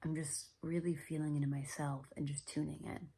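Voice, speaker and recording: Low, gravelly-voiced woman speaking softly. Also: level tone, brisk. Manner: soft-spoken, often trailing into a whisper; earnest and self-reflective, with many fillers. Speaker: podcast host. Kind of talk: personal reflective monologue.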